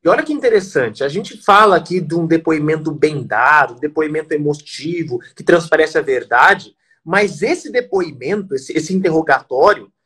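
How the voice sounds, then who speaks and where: A man's voice: fairly high pitch, expressive, moderate pace, a bit bright. A man, a defense lawyer on a podcast, speaking in an earnest, reflective way. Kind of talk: casual podcast discussion.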